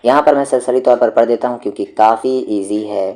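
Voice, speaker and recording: A man's voice: medium pitch, fairly quick, mellow. A man teaching an Urdu lesson for beginners, patiently reading out letters and sample words and spelling them out.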